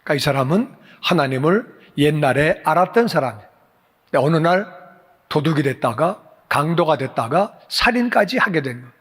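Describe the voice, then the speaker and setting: A male pastor preaching a sermon in a church, animated and acting out dialogue with a raised voice. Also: fairly high pitch, fairly quick, breathy edge. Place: church sanctuary. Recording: reverberant church hall.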